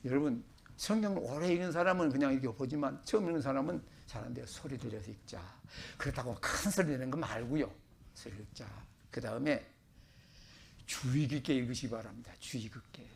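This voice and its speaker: A middle-aged man from Korea, a pastor giving a chatty sermon, joking about himself and then pressing his points with loud bursts. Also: mid-range voice, fairly quick, creaky, husky. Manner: chatty, self-joking preacher with sudden loud emphasis. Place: church sanctuary.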